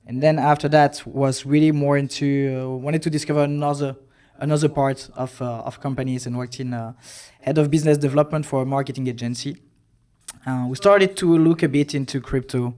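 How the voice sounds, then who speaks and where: A man in his thirties from Belgium sits in as a podcast guest. He tells his story in a relaxed, easygoing way, pausing on fillers and acting out what others said. His voice sits at an ordinary middle pitch. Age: 30s. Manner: relaxed storytelling with hesitant fillers and self-quoting. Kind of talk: casual interview chat.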